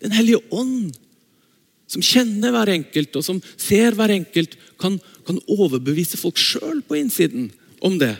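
A man preaching a sermon and reading from the Bible, enthusiastic, switching between slow reading and quick asides. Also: sits high, big pitch swings, creaky, husky. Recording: long reverb of a large hall.

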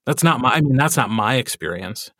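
A man who narrates audiobooks, chatting in a podcast interview with lots of fillers and animated asides. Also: mid-range voice, fairly quick.

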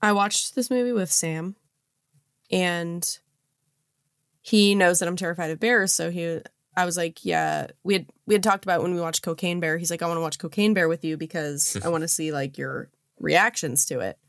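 A woman's voice: fairly low pitch, normal speed, vocal fry, no echo, studio quality. A woman co-hosting a podcast, chatting casually about a movie in a hesitant way, with restarts. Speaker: podcast co-host. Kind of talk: casual chat.

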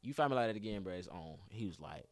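A man's voice: lowish voice, quick pace, no room sound. A young man telling a story in casual chat, full of slang and laughter, acting out what other people said. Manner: animated storytelling, acts out other people's lines; heavy slang, laughs often.

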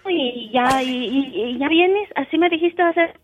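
A woman's voice: high-pitched, a little slow, over music. A middle-aged woman from Mexico calling in to a show, chatting agreeably and laughing easily. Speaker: caller. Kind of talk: phone call-in chat. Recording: dry, muffled phone line.

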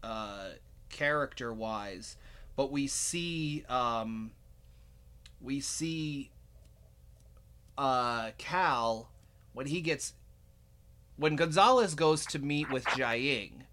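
A man's voice: medium pitch, very slow, long pauses, pushed and bright. A man hosting a podcast in casual chat, rambling with many fillers and restarts. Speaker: podcast host.

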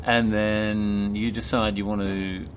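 A man hosting a podcast, reading a scripted introduction and then interviewing a guest in a measured, expressive way. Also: lowish voice. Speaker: podcast host. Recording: intermittent digital static.

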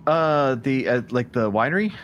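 A man playing a tabletop game in casual chat, halting and stammering as he restarts his sentences. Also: medium pitch, animated, highs cut off. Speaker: player.

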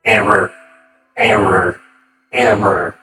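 A man, acting as game master, voicing a malfunctioning warforged robot that keeps repeating an error in a flat, loud machine tone. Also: on the low side, takes it slowly, soft background music, pitched below the performer's own voice. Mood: glitching.

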